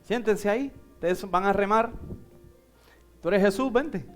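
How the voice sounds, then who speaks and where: Male pastor, Puerto Rican Spanish accent, very high and clear voice, storytelling sermon. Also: unhurried, faint music behind. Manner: animated storytelling, acting out a Bible scene with volunteers.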